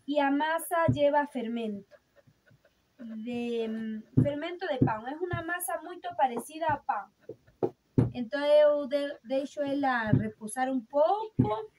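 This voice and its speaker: Her voice high, expressive, and a little mellow, a young woman chats to viewers while filming her rural mountain home on a handheld phone camera. The show-and-tell narration is casual, slow, and explanatory. The recording is rough but has no echo.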